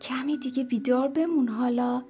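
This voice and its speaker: A woman voicing a playful uncle in a children's story, who coaxes with calm, teasing persuasion. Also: sits high, faint music behind, natural voice. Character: playful uncle using reverse psychology.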